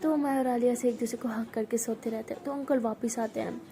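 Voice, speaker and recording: Woman storyteller, casual chatty narration, mellow tone, higher voice. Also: fairly even intonation, fairly quick, slight background noise. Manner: chatty, acts out dialogue.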